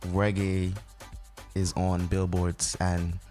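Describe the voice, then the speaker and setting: This Barbadian soca artist, whose accent mixes Bajan and American, gives relaxed, rambling interview answers full of fillers. His low voice is monotone, slow and warm, with faint music behind it.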